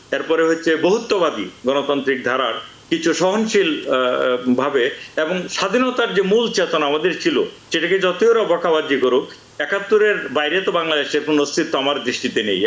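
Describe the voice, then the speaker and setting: A man's voice: a little high, fairly bright tone, roomy sound, low-quality recording. A man, a professor, speaking as a guest on a political talk show, hesitant and searching for words over a remote call. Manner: hesitant, many fillers and restarts.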